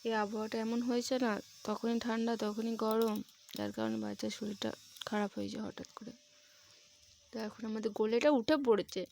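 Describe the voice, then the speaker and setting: A woman's voice: a little high, little pitch movement, brisk, vocal fry, darkish tone, a little hiss or hum. Chatty woman vlogging at home. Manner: chatty, coaxing her child in a sing-song voice. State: sore throat. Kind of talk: casual home vlog talk.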